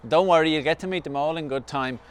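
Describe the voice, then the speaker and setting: A man's voice: a little high, quick pace, clean tone. A man with an Irish accent, narrating a vlog as its host.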